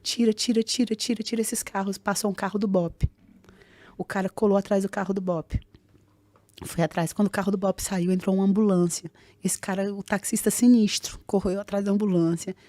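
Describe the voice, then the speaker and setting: Rio-woman guest, warm and mellow, lively storyteller who acts out dialogue, dry close sound. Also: mid-range voice, no echo. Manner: animated, acts out dialogue in quick voices. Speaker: guest, jiu-jitsu fighter. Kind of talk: personal storytelling on a podcast.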